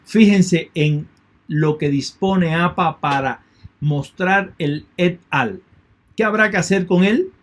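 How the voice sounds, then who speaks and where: A man's voice: high-pitched, slow. A man teaching an online lecture in a methodical way, repeating key points and thanking his students. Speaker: university lecturer.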